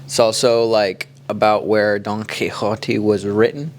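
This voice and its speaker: A man from the Kansas City area co-hosts a podcast, his voice sitting on the low side. He tells stories in a relaxed, rambling way, leaning on fillers as he goes. Faint steady noise sits under the track. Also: unhurried. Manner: relaxed storytelling, loose with "like". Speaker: podcast co-host. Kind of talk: casual chat.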